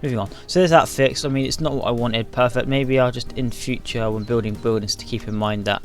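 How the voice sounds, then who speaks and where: Sleepy, gravelly man rambling over gameplay. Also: medium pitch, steady tone, brisk, soft background music. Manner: rambling, self-talking, frequent fillers. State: sleepy, yawning. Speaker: gaming video creator. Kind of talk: casual commentary while building in a game.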